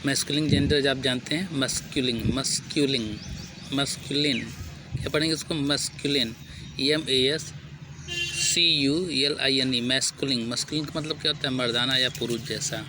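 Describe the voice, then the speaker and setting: Indian man teaching pronunciation, slow spelling. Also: mid-range voice, fairly even intonation, background noise. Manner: spells words out letter by letter; repeats each word slowly, asks and answers his own questions. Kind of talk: spoken vocabulary lesson.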